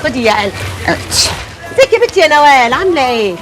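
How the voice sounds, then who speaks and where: Brief: a sweet-talking, nosy Egyptian alley vendor, quick-tongued. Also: female voice, high-pitched, sing-song, over music, low-quality recording. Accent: Egyptian Arabic. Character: gossipy middle-aged alley greengrocer woman.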